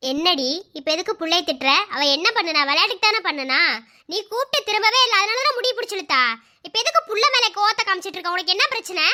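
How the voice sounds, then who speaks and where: A woman's voice: extremely high pitch, animated, fast, bright, forceful tone, a little hiss or hum, exaggerated voice. A woman voicing an exasperated young husband and father who scolds and pleads in a cartoon story. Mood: angry. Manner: scolding, pleading, repeats demands. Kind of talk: Tamil cartoon story voice acting.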